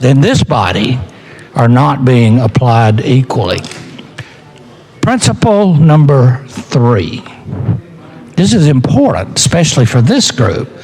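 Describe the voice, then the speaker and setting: A male legislator gives a political speech in a fairly high voice with a heavy gravelly creak. He takes his time, laying out his argument point by point. He leans on rhetorical questions and repeats key phrases deliberately. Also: darkish tone. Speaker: legislator giving a floor speech.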